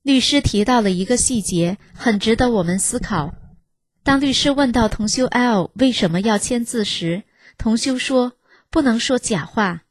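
Measured woman reading a testimony, dry. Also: a little high, no echo. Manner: measured, earnest, steady delivery. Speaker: reader of a first-person testimony. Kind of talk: scripted first-person reading.

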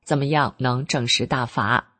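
A woman's voice: extremely low pitch, steady tone, normal speed, fairly bright tone. A middle-aged woman, earnestly telling her own story in plain spoken words. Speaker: narrator of a personal account. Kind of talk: first-person storytelling.

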